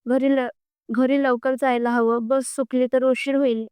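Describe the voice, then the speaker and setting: A woman's voice: fairly high pitch, steady tone, normal speed, clean tone, no echo, lightly acted. A woman voicing a shy, timid young woman who speaks hesitantly in a storybook reading. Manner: hesitant, fearful.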